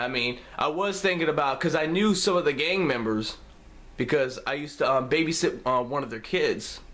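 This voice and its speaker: Young male vlogger, casual storytime delivery, swears freely and tells it with energy. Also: mid-range voice. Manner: profane, animated storytelling.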